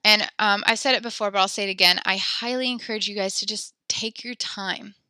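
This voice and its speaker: A woman's voice: medium pitch, steady tone, a little fast, pushed and bright, smooth, dry recording. A young woman teaching a French class online, patient and encouraging, slightly out of breath, speaking close to the mic. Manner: encouraging, patient, explains step by step. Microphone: headset or desk mic close up.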